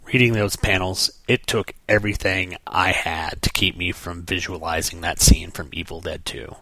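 Wry low-voiced man reviewing comics. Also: steady tone, normal speed, pushed and bright, no echo. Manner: wry, sarcastic asides. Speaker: podcast host reviewing comics. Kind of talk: casual comic review commentary.

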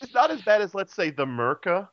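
A man's voice: high voice, big pitch swings, brisk, a bit bright, no room sound. A man on a podcast panel who rattles off lists of facts with dry wit. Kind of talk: casual panel chat. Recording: dull, dry podcast audio.

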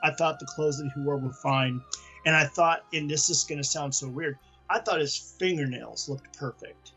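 Male podcast co-host, casual comics chat, rambling, higher-pitched. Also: normal speed, sharp tone, faint music behind. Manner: chatty, rambling with restarts.

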